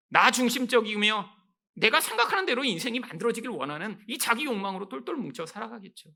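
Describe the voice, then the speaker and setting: A man's voice: sits high, creaky, sharp tone. A male pastor preaching a Sunday sermon, stressing his points with rhetorical questions and often turning to address the congregation. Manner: emphatic, rhetorical questions, repeats "여러분". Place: church sanctuary.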